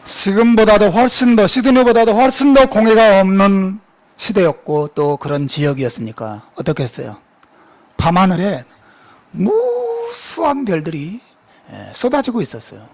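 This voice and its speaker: A male pastor preaching a sermon, expressive, with frequent fillers and soft asides. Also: sits high, normal speed.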